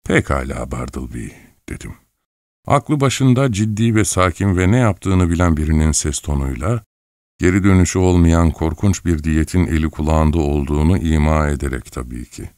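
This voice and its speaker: A man reading a first-person audiobook story in an expressive, wry storytelling manner. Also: low-pitched, normal speed, no echo, studio quality. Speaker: audiobook narrator.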